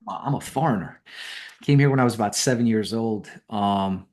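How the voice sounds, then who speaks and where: A middle-aged Romanian copywriter, appearing as a podcast guest on a remote call, talks frankly and easily in casual conversation. His voice is lowish and a little mellow, his pace moderate, and he chuckles often.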